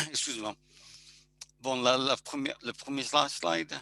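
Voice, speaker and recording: A man speaks very slowly with a bright, forceful voice in a webinar presentation. He stops and restarts his sentences often, searching for words. His pitch sits in the middle range for a man. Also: gravelly. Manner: halting, many restarts. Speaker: engineer presenting certification.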